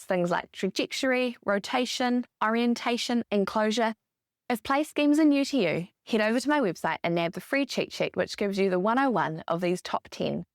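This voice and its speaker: A woman in her thirties hosting a podcast, giving an upbeat scripted monologue that explains each point with lively emphasis. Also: medium pitch, creaky, dry recording, clean studio sound. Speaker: podcast host.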